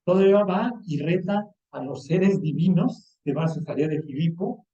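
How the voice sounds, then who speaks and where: At a moderate pace, a Mexican preacher whose voice is high, dark, and mellow delivers a colloquial, spirited sermon, acting out the people he quotes in their own voices. The sound is dull and lo-fi, and he seems distant in a spacious, reverberant hall.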